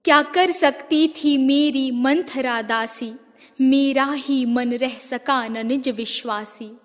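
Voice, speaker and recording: A woman voicing a remorseful queen mother, slow and high. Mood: anguished. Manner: impassioned, measured verse recitation. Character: remorseful queen mother pleading before court. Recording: long hall reverb.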